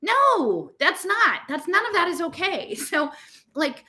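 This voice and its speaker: Very high-pitched, slow, bright and forceful with big pitch swings, an American woman reads her blog aloud on her podcast and comments as she goes. Her informal monologue to online listeners is impassioned, emphatic and exasperated, meandering through rhetorical questions.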